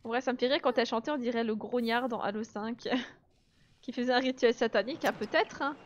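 A woman's voice: a little high, brisk, dull audio. A woman giving casual live gameplay commentary, chatty and laughing often as she answers her chat. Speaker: let's play streamer.

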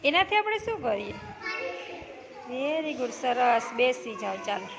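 A woman teaching preschoolers, coaxing them with repeated questions and quick praise. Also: a little high, big pitch swings, gravelly, crowd noise. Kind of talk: classroom questioning of small children. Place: village preschool classroom. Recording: noisy classroom recording.

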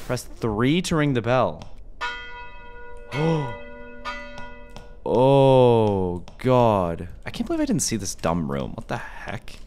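A man's voice: mid-range voice, wildly swooping pitch, moderate pace. A young man giving scared, jumpy horror game commentary as a streamer, exclaiming and muttering to himself. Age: young adult. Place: small indoor room.

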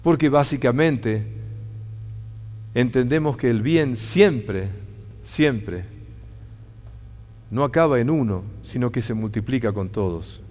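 Speaking slowly with frequent pauses, this Rioplatense-accented motivational speaker addresses an audience in a mid-range, slightly mellow voice with lively intonation. He is earnest and emphatic and keeps repeating key phrases, while the recording sounds dull and carries a long hall reverb.

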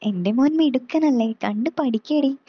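A woman's voice: high voice, moderate pace, slightly rough, no echo, highs cut off. Woman reading as a doting, teasing mother. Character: middle-aged mother, proud and teasing.

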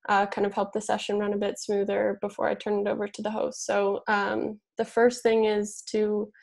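Young woman organizer, flat slightly raspy delivery, casual fillers, laptop-mic sound. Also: medium pitch, moderate pace. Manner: casual, hesitant, lots of fillers and small laughs. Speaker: event organizer at an exhibition space. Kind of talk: housekeeping introduction on a video call. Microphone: laptop mic on a video call.

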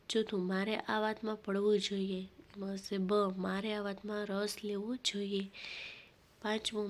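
A woman teacher with a Gujarati accent, reading worksheet questions and their answers in a steady, methodical way. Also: mid-range voice.

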